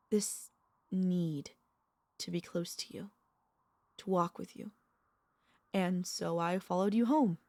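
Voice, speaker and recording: A woman with a mid-range voice voices a possessive vampire mistress for an intimate ASMR roleplay, sounding tender and anxious. She pleads softly and formally, leaving dramatic pauses, and the recording has no room sound.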